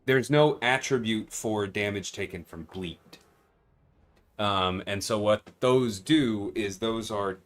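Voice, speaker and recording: Taking his time, a man with a fairly low voice offers casual gameplay commentary over soft background music. As host of the livestream and a game designer himself, he explains how the game works and responds to viewers.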